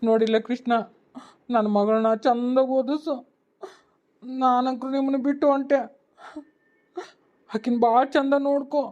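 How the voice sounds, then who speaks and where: A woman's voice: high-pitched, steady tone, a little slow, pauses often, a little mellow. A woman voicing a remorseful young village husband in a cartoon, pleading in a mournful farewell with a North Karnataka Kannada accent. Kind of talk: cartoon voice acting. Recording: dull lo-fi recording.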